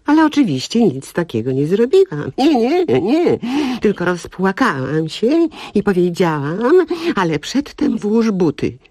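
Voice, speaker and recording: Aktorka grająca porzuconą kobietę, która z ironią i gorzkim śmiechem opowiada o swoim upokorzeniu. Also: female voice, fairly low pitch, big pitch swings, a little slow, a little mellow, no echo, clean studio sound. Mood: rueful. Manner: wry, rueful, bursts of bitter laughter. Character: jilted woman laughing through her misery. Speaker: cabaret actress. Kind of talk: comic radio monologue.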